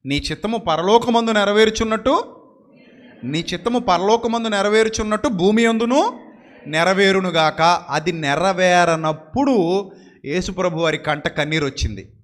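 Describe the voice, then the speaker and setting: A man preaching a sermon who keeps asking his listeners rhetorical questions and slows down sharply to stress scripture phrases. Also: high-pitched.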